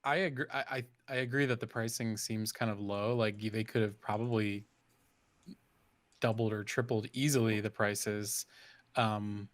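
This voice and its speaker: A man's voice: on the low side, steady tone, normal speed, dry recording. A man co-hosting a design podcast, chatting casually in an easygoing way and laughing often. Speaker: podcast co-host. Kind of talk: casual chat.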